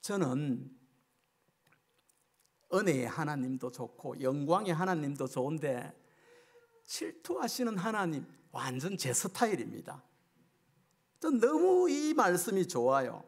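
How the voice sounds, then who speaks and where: Middle-aged male revival preacher with a high-pitched, animated, emphatic delivery built on rhetorical questions. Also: measured pace, creaky, long pauses, husky. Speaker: guest preacher at a revival meeting. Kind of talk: sermon.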